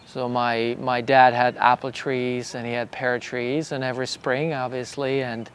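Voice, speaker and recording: A middle-aged bonsai artist from Czechoslovakia casually and patiently explains his craft outdoors in a garden beneath a wooden pergola, with many fillers and restarts. His mid-range voice is flat and unhurried, with slight background noise.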